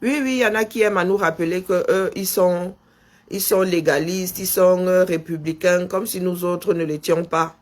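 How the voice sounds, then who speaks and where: This middle-aged man, whose accent is Cameroonian French, hosts a political live stream and drives his point home with rhetorical questions while dictating punctuation aloud. His voice is high-pitched and steady, delivered at normal speed.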